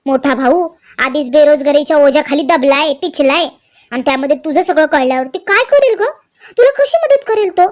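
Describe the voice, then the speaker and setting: A scheming, domineering older matriarch who coaxes and threatens by turns, as a woman reads her part. Her voice sits fairly high and her delivery is slow and pressing, pushing guilt at every turn. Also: expressive. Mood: menacing. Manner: coaxing, menacing, emotionally blackmailing. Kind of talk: dramatized serial recap reading.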